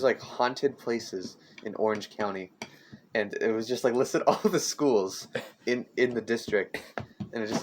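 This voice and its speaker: A teen boy hosts a casual podcast chat, rambling and halting, full of fillers and restarts. His voice is lowish, and his homemade amateur desk mic picks up background noise plus audible clicks and knocks.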